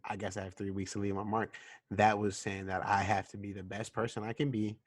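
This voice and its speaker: A man's voice: lowish voice, level tone, brisk. A man in his twenties, casually chatting as a podcast host, slangy and given to repeating words as he tells a story. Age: 20s. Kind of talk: casual chat.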